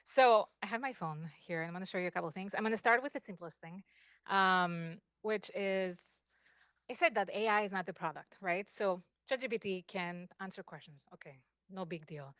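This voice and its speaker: A woman's voice: mid-range voice, moderate pace, no echo, studio quality. A woman with a Greek accent speaking at a meetup, demoing and checking in with the audience. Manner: animated, checks in with 'right?' and 'okay?'. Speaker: guest speaker. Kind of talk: fireside chat with live demos. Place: meetup classroom.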